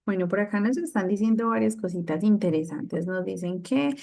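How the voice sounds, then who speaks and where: A woman's voice: mid-range voice, brisk, creaky, mellow. A woman instructor leading an online class over a video call, reading out and answering students' comments. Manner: reads out and answers participants' comments. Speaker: course instructor.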